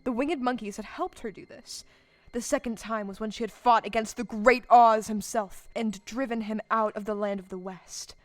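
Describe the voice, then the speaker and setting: Loud music plays beneath this live stage recording, where a woman voices the storyteller of a fairy-tale audio play. Her voice is on the high side, steady and lightly acted at normal speed, narrating theatrically from a script.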